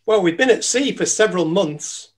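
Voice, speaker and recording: A woman's voice: on the low side, expressive, moderate pace, close to an everyday voice. A woman playing a hopeful, cheeky young traveller fresh from sea in a pantomime. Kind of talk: pantomime acting.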